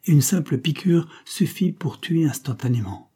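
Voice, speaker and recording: A man's voice: fairly high pitch, lively intonation, moderate pace, dark tone, breathy edge, voice pushed up. A man voicing a stern young doctor who coldly accuses and passes judgment, read in a storybook.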